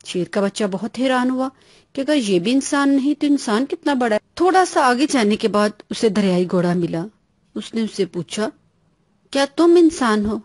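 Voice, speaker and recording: A woman narrating a children's bedtime story in a plain, even-paced reading voice. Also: on the high side, no echo, studio quality.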